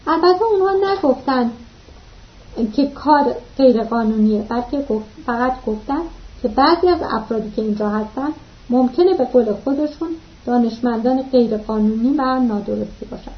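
A woman reading the lines of a calm, practical man travelling with the narrator, in a matter-of-fact manner, in a dull lo-fi recording. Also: on the high side, close to an everyday voice.

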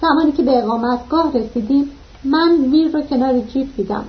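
A woman narrating a novel as an audiobook, in a steady, even reading manner, in a dull lo-fi recording. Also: high voice.

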